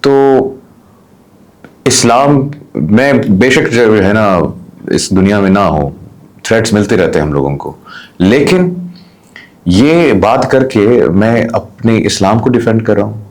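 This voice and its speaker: Male podcast host, passionate and forceful, slightly low voice. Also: lively intonation, slow pace. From Pakistan. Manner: impassioned, mixes English into Urdu. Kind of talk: podcast discussion.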